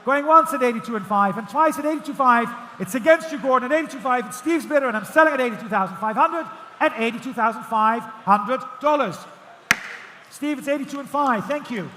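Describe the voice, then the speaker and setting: A man working as an auctioneer, calling bids in rhythmic, repetitive number patter, projecting loudly to a room. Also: very high voice, fairly quick. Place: large auction room with bidders. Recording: echoey auction hall, faint background noise.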